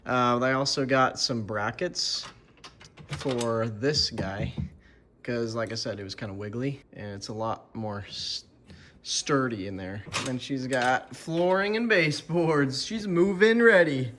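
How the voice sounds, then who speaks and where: A man's voice: medium pitch, a little slow, fairly bright tone, slight background noise. A man casually talking through a home build, rambling and restarting, now and then chatting to his dog. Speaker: DIY vlogger. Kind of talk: casual on-camera project talk. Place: indoors at home.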